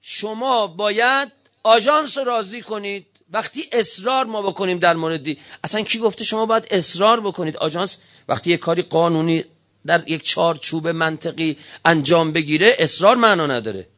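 A man's voice: high voice, bright, forceful tone, lo-fi sound. A man giving an impassioned speech, firing off heated rhetorical questions one after another. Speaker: speaker giving a political talk.

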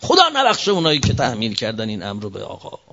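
A man preaching a fervent sermon. His voice rises and falls sharply, and he recites scripture verses slowly. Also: wildly swooping pitch, bright, forceful tone. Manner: fervent, with sudden rises and drops in pitch. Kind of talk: impassioned sermon. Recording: dull lo-fi recording.

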